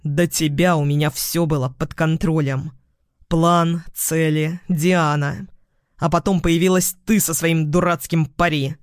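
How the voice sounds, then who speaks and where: A man's voice: on the high side, little pitch movement, a little slow, dry recording, clean studio sound, close to an everyday voice. A man voicing a bitter, cynical young man who turns accusing and raises his voice in anger. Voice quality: hoarse. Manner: shouting, accusing.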